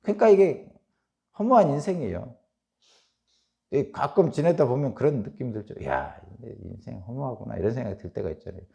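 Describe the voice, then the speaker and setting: A middle-aged male pastor with a Chungcheong accent, giving an early-morning sermon in an animated preaching manner that swings from loud peaks to soft asides. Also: medium pitch, fairly quick, creaky, long pauses. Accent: Chungcheong Korean. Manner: animated preaching, voicing Job's laments, rising loud then dropping soft.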